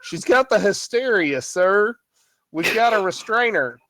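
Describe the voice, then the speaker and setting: A man's voice: sits high, animated, unhurried, sharp tone, no room sound, voice pushed up, heavily acted, rough recording. A man voicing a bumbling, eager young male deputy recruit in a goofy cartoonish voice. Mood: urgent.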